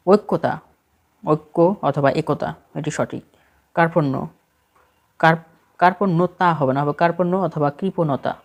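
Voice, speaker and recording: A man's voice: fairly high pitch, darkish tone. A man with a Bangladeshi Bengali accent reads a spelling list aloud for exam prep, steadily correcting each word in short phrases.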